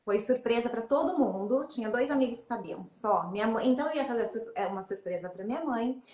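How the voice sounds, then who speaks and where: Woman, Brazilian Portuguese accent, interview host, lively storyteller, higher voice, echoey room. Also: brisk.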